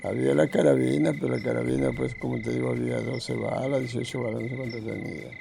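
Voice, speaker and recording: An older man with a northern Peruvian accent and a gravelly voice tells stories informally, rambling and repeating his phrases. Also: mid-range voice, lively intonation, fast, over music. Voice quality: gravelly, creaky aged voice. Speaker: grandfather recounting local oral history. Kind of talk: informal oral storytelling.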